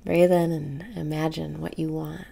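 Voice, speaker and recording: A young woman leading a guided meditation in a soft, soothing, breathy way, leaving pauses between phrases. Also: low voice, flat delivery. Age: young adult. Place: small room indoors.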